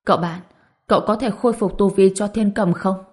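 A woman voicing a calm, powerful older man in an audiobook, measured and regretful. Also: medium pitch, lightly acted. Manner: sighing, measured.

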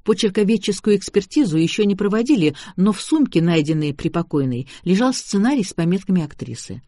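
A man's voice: high voice, sing-song, a little fast, warm tone, dry recording, voice pushed up. Sardonic detective on the phone, read by a man, audiobook, dry close sound. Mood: tense. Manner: terse, sarcastic. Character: tense sardonic male police investigator. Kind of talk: audiobook reading.

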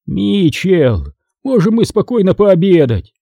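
A man's voice: high voice, very animated, fairly quick, mellow, no room sound, pitched above the performer's own voice. A man reading a storybook, voicing a stern, irritated father who barks curt orders. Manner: curt commands.

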